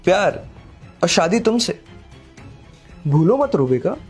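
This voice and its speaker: In an exaggerated performance, a young actor plays Sahil, an arrogant rich boyfriend who moralizes, sneers, and raises his voice in arguments in a dramatic short film. His voice is high, husky, and a little mellow, swinging widely in pitch as he takes his time over faint background music.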